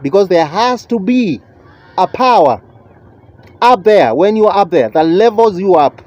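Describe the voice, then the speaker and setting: A man delivers a motivational sermon in a high, mellow voice. He lectures at a very slow pace, stressing and repeating key phrases with deliberate emphasis. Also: animated, muffled recording. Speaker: preacher.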